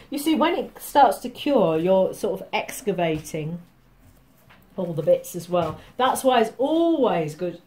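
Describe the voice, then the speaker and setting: Woman, workshop teacher, chatty and jokey, demonstrates hands-on to a small class, mid pitch. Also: mellow, a little hiss or hum. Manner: chatty, jokey, explains step by step. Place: indoor workshop with students.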